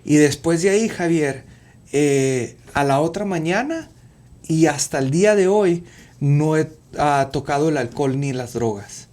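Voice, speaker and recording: A man in his forties giving an earnest, halting personal faith testimony as a podcast guest, with frequent fillers. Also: on the high side, expressive, a little mellow. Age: 40s. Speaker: podcast guest, youth minister.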